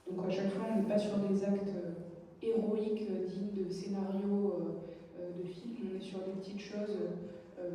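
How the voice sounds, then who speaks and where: A woman's voice: medium pitch, dark tone, slight background noise. A young French woman, a doctoral researcher, giving an academic lecture from notes, often breaking off with fillers and self-corrections. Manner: reads a prepared text, then digresses with many fillers and self-corrections. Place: lecture hall. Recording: distant, echoey lecture hall recording.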